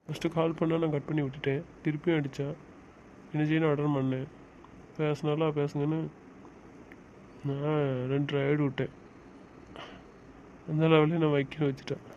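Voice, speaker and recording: A man's voice: on the high side, level tone, normal speed, long pauses, a little mellow. A man acting a bitter, stubborn character in an amateur web drama. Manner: bitter, stubborn, insists he is done with her. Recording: slightly muffled, faint background hiss.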